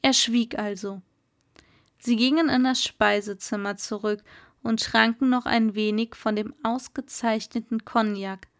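A woman reading a fairy tale aloud in a slow, measured storyteller manner. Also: fairly high pitch, fairly even intonation, no room sound, clean studio sound.

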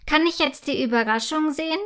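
A woman voicing an excited, eager little girl in a children's story. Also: sits high, brisk, voice pushed up. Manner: eager, bubbly.

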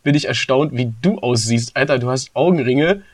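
A man's voice: mid-range voice, normal speed, no room sound. A man co-hosting a podcast in casual chat, teasing his partner with dry humor, recorded at home on his own recorder during a video call. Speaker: podcast co-host. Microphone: own recording device.

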